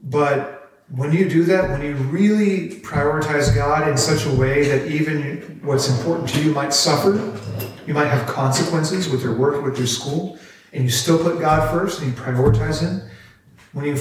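A man's voice: on the high side, normal speed, far from the mic, slight background noise. A man hosting a casual faith podcast with his family, earnest and encouraging. He sits back from the microphone, and his voice rings around a very echoey room. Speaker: podcast host, father.

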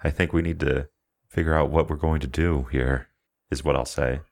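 Super deep voiced guy, player, laughing thru gross details. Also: fairly even intonation, moderate pace, creaky. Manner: gleefully describing gore, laughs often. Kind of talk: casual tabletop game chat.

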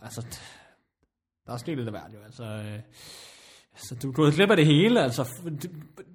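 A man's voice: medium pitch, very animated, close to an everyday voice. A man playing a flustered, exasperated bar worker who rambles, stammers and repeats himself in a comic drama. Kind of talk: comic role-play drama.

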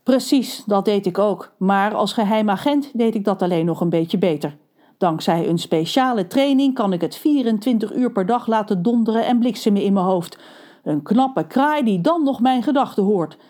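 A woman voicing a calm, polite male butler who is really a secret agent, explaining things matter-of-factly. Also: mid-range voice, moderate pace, close to an everyday voice.

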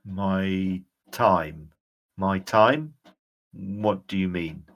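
Male game master as ghostly armored general, deep booming voice, weary, commanding, very slow, halting, tabletop role-play. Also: full character voice. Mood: confused.

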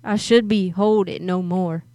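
A woman's voice: lowish voice, fairly even intonation, unhurried, warm tone, no echo. A woman co-hosting a livestream, switching between casual banter and reading aloud. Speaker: prank-call livestream co-host.

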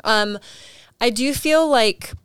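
Chatty giggly lady host, clear smooth voice a bit on the high side, casual chat. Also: slow pace, a bit bright, no echo. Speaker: show host.

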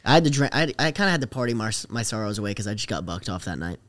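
This young man, somewhere from his late teens to young adulthood, is a rodeo rider appearing as a guest on a podcast. He talks casually, hesitant and rambling and full of slang, in a lowish voice that races along very fast, with big swings in pitch and a slightly bright tone.

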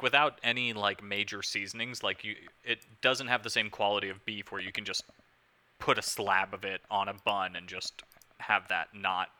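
A man's voice: fairly low pitch, sharp tone, smooth. A man hosting a casual podcast chat, rambling along with lots of "um"s and "like"s. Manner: rambling, with many fillers. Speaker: podcast host.

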